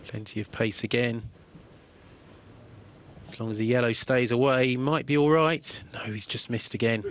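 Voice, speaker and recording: A man giving calm, explanatory play-by-play commentary on a billiards match. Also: medium pitch, normal speed. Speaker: sports commentator.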